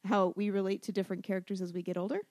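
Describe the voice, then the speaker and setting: A woman's voice: medium pitch, little pitch movement, very fast, darkish tone, no room sound. A woman co-hosting a podcast, chatting casually and agreeably, often trailing off with filler phrases. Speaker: podcast co-host. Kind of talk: casual chat.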